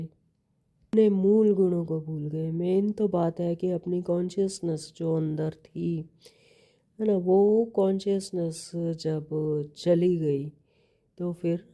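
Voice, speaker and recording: A woman's voice: lowish voice, warm tone. A woman teaching a devotional sermon, explaining a scripture reading in a patient way, repeating key phrases and asking rhetorical questions.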